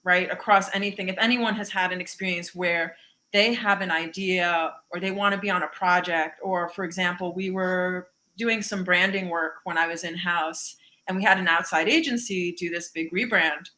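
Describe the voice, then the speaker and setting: A woman's voice: lowish voice, steady tone, normal speed, sharp tone. A woman hosting a podcast, talking in a reflective, chatty way with fillers. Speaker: podcast host. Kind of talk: conversational interview.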